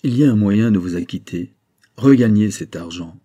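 A calm, mysterious old count in a storybook reading, measured and persuasive, as a male narrator reads him. The voice is mellow and a bit husky. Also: on the low side, close to an everyday voice.

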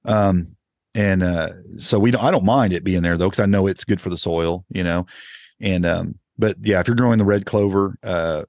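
A man from Indiana co-hosts a homesteading podcast, chatting casually about gardening in a low, darkish voice at normal speed. He rambles, repeats himself and restarts often. The sound is studio quality with no echo.

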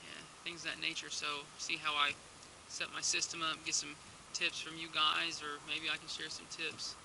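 Out on a kayak, a young man chats in typical outdoor-vlog fashion, stumbling through restarts and fillers in a fairly high, monotone, creaky voice at moderate pace. The boat-mounted action camera picks up a noisy background.

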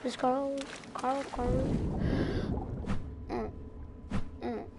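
A woman streaming a survival game, chatting casually to herself with excitable reactions and mild cursing. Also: high voice, very slow, very noisy. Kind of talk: casual gameplay commentary.

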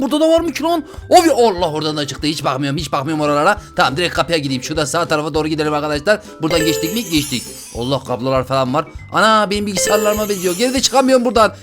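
A man hosting a let's play, giving game commentary in an excitable way, exclaiming and joking to his viewers as he plays. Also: sits high. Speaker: gaming channel host.

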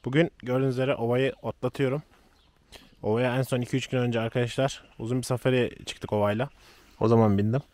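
A man talking casually to viewers in an outdoor horse paddock, hushing his horse gently and sometimes calling out loudly. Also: medium pitch, dry recording. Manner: chatty, speaks softly and shushes to calm his horse, sometimes calls out loudly. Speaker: horse owner vlogger. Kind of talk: casual vlog talk to viewers.

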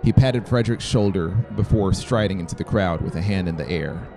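Brisk and lively in intonation, the deep-voiced narrator, a man in his thirties, reads scripted fiction for an audiobook. He records indoors in a small room with brick walls, close to a dynamic mic on a boom stand, while faint music plays.

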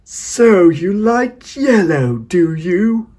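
A wicked gloating wizard. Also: male voice, big pitch swings, darkish tone, breathy edge, exaggerated voice. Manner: slow, drawn-out, booming menace. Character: wicked cackling male wizard, cruel and gloating.

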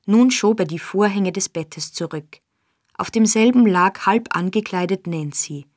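Woman audiobook narrator: steady, dramatic, dry close mic. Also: medium pitch, a little slow, dry recording. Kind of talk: scripted narration.

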